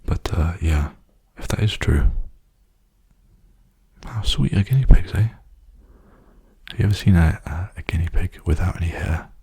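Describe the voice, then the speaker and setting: A man speaking in a soft, hushed ASMR style, often slipping into a whisper as he rambles casually and gently. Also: low voice, moderate pace, pauses often, husky. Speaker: ASMR video host. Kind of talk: softly spoken ASMR rambling.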